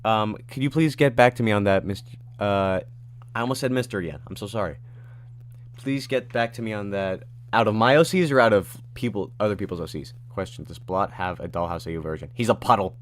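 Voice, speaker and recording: A man casually answering his viewers' questions at home during a livestream, reading them out and rambling through quick asides. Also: fairly low pitch.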